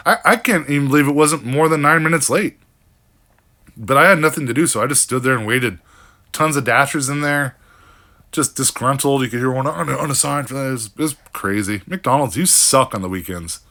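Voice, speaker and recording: An older man talks through his week in a loose, rambling way, with lots of fillers and the odd curse. His voice sits in a middle pitch and has a bright, forward edge. It sounds like a casual, unscripted vlog. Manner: rambling, frank, with frequent fillers and mild cursing. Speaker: delivery driver vlogger.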